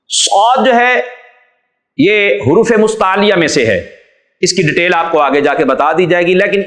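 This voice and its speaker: A man's voice: sits high, a bit bright, roomy sound. Patient man teaching letter sounds. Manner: patient, explains each letter then draws it out slowly. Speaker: Quran reading teacher. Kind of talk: children's recitation lesson.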